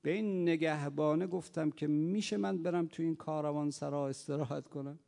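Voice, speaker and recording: A man voicing a calm, wise old male traveler who reasons plainly, in a reverberant hall. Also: on the high side, gravelly.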